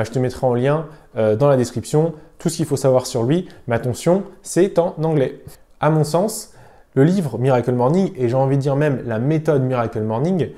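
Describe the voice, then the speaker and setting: A man's voice: medium pitch, warm tone. A man hosting a finance channel, casually summarizing a book to the viewer with many hesitant fillers. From France. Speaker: host of a personal finance channel.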